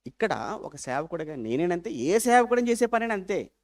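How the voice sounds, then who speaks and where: A man preaching a sermon as pastor, animated, firing rhetorical questions and swinging from loud appeals to hushed asides. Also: high voice, moderate pace.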